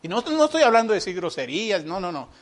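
A man delivers a sermon to his congregation in a very high voice. He piles up rhetorical questions and repeats them for emphasis. His delivery is animated, and he mimics gloomy churchgoers to make his point. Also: quick pace. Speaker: preacher.

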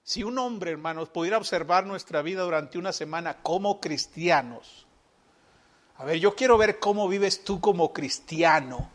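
A man preaching a sermon to his congregation, animated and full of repeated rhetorical questions. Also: high-pitched, normal speed. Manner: animated, with mocking impressions of gloomy churchgoers.

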